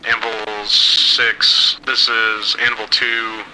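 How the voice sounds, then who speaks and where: A man's voice: on the low side, completely flat delivery, very slow. A man giving clipped military radio reports as a squad leader in a tactical game, over a crackly radio filter. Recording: crackly radio with faint noise.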